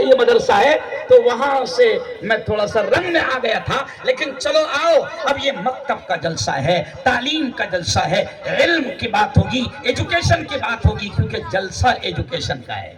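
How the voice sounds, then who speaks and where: A man preaching a rousing sermon at a religious gathering. He swings between shouts and joking asides. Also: very high-pitched, lively intonation, hardly any pauses. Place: outdoor religious gathering with crowd. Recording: distant mic with crowd noise.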